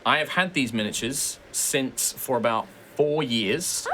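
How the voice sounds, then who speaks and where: A man's voice: medium pitch, expressive, a little slow, noisy background. A man improvising dramatic, descriptive narration as game master of a tabletop game.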